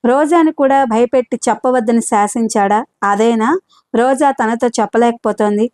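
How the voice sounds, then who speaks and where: Woman narrator for an audio novel, steady and measured, slightly high voice, dry close mic. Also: no room sound.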